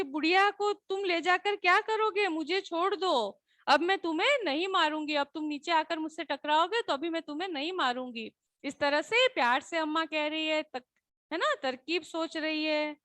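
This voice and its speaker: High, bright-voiced woman teacher explaining a lesson. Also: dry recording. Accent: Hindi. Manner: patient, repeats questions, frequent "है ना?" tag checks. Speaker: school teacher. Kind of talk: explaining a Hindi textbook lesson to children.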